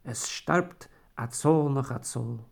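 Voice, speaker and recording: A man's voice: mid-range voice, slow, vocal fry. A man voicing a dying old male klezmer musician, weak, weary and remorseful. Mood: fading.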